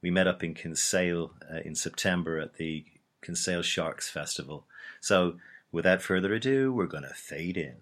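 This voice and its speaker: A man's voice: deep voice, normal speed, a bit bright. A man speaking as a podcast host, giving a casual spoken introduction to an episode.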